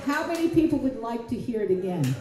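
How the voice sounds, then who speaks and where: A woman's voice: a little high, big pitch swings, fast talker, heavy reverb, background noise. A woman from Kentucky with a Southern accent, telling a rambling, self-deprecating comic story in a chatty way. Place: outdoor public square.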